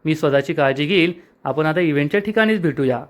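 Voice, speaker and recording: A man's voice: on the high side, expressive, fast, close to an everyday voice. A man reading the lines of a polite, stubborn young woman employee in a soap recap. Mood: polite, firm.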